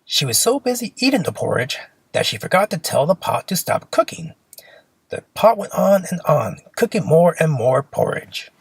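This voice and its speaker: In a dry, close space with no echo, a storyteller with a husky, creaky mid-range voice expressively reads a simple fairy tale for kids. The pace is normal, while the pitch swings up and down widely.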